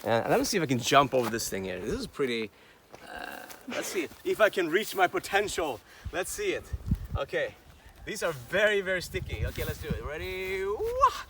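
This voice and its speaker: Earnest man coaching outdoors, slightly high voice. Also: very animated, brisk, a bit bright, slight background noise. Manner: earnest, repetitive, punctuates points with "right?". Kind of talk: motivational walk-and-talk monologue. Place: outdoors on a steep hill walk.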